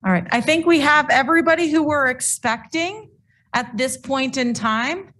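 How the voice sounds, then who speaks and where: A woman informally facilitating a meeting, speaking hesitantly with frequent pauses. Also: sits high, expressive, a bit bright.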